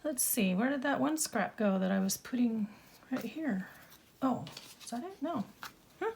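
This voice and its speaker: A middle-aged woman, a little croaky, chatting casually and rambling as she crafts in her home studio, laughing at herself often. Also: fairly high pitch, expressive, normal speed, a little mellow. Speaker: craft channel host. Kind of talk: casual chat while crafting.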